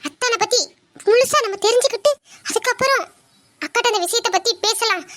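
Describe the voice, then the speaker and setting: A woman playing a sly younger sister who plots quietly in a family drama skit. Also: very high voice, brisk. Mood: scheming. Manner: sly, plotting.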